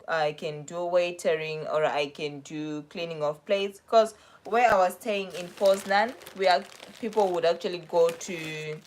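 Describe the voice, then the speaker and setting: On a casual livestream, a young female host with a South African accent works through viewers' questions. Her slightly low voice is chatty, and she rambles and corrects herself along the way.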